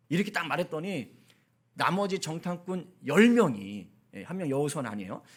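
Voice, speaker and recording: Male pastor, high voice, animated and chatty sermon delivery. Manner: animated, conversational preaching with asides to the congregation.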